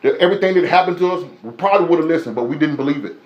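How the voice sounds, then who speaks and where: A preacher with a high-pitched voice delivers a live-streamed sermon. He talks emphatically, repeats his points and fires rhetorical questions at listeners. The room around him rings with echo. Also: rapid-fire, lo-fi sound. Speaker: preacher teaching a Bible lesson. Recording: echoey room.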